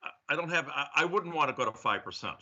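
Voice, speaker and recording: A man speaking on a group voice call during a committee meeting, halting and repeating words as he starts his thoughts. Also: a little high, expressive, bright, forceful tone. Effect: heard over a group voice call. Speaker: committee member. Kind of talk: casual meeting discussion. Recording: lo-fi call audio.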